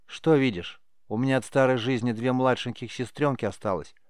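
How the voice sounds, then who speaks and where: A man's voice: mid-range voice, fairly quick, no room sound, studio quality, close to an everyday voice. A man voicing a restrained, good-natured young mage boy. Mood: calm. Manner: restrained, even-tempered.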